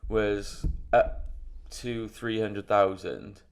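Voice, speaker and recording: A man's voice: fairly low pitch, very slow, gravelly, smooth. Rambling young man chatting. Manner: rambling, swears, laughs often. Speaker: podcast co-host. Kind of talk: casual chat.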